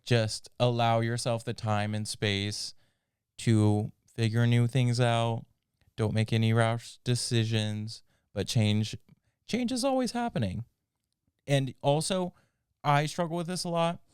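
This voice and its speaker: A man in his twenties co-hosting a podcast, chatting casually with many fillers and gently reassuring listeners. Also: medium pitch, steady tone, takes it slowly, smooth, dry recording, clean studio sound. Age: 20s. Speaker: podcast co-host. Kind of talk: casual chat.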